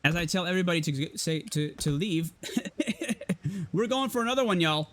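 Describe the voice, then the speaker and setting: A man hosting and casting a live esports tournament, excitable and chatty, thinking aloud as he goes. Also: on the high side, moderate pace. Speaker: tournament caster and host.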